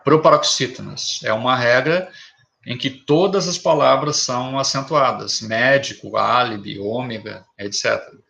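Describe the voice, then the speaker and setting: A man teaching a grammar lesson, talking slowly and deliberately and listing examples one word at a time. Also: medium pitch, creaky, sharp tone.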